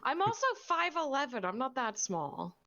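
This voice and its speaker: A woman's voice: high-pitched, sing-song, moderate pace, pushed and bright, muffled recording, slight background noise. A woman chatting casually and playfully as a player in a tabletop game, with slangy phrasing.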